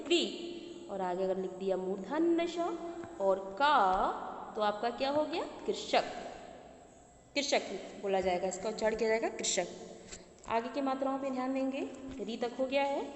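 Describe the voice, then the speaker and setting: A woman teaching grammar to schoolchildren, who asks the class questions and then answers them herself. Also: fairly high pitch. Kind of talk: grammar lesson for children. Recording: echoey room, faint background noise.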